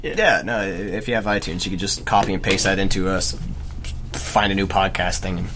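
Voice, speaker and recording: A man's voice: low voice, normal speed, background noise. A young man from Canada hosting a podcast in casual chat, rambling and restarting his sentences. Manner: rambling storyteller, trails off and restarts. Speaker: podcast host.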